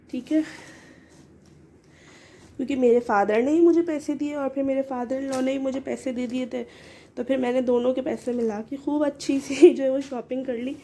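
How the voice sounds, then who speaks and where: A hoarse young woman talks through a casual vlog, short of breath from a cold. Her voice sits a little high but sounds mellow and soft-edged. A faint hiss of background noise stays under her voice throughout. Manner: chatty, explaining items one by one. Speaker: vlogger. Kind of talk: casual show-and-tell vlog.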